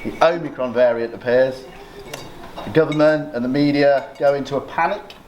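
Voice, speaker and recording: With a mid-range voice at normal speed, a middle-aged man delivers a joking, informal father-of-the-bride speech, self-deprecating and dry, with the odd swear word. The recording comes from a noisy, crowded indoor wedding reception, full of loud ambience and guests chattering and laughing.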